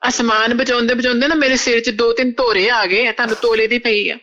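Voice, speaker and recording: A woman phones in, complaining and plaintive. Her words tumble out quickly and sound bright and sharp. The line is dull and lo-fi. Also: on the high side, steady tone, slight background noise. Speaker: caller. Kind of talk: phone-in comedy banter.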